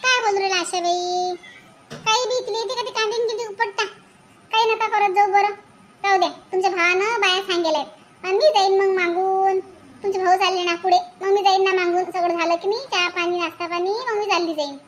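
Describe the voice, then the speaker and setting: A woman's voice: extremely high pitch, steady tone, a little fast. A woman playing a grumbling village sister-in-law who complains and exclaims a lot in a comedy skit. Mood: complaining. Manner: whiny, complaining, exclaims often. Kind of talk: comedy sketch acting.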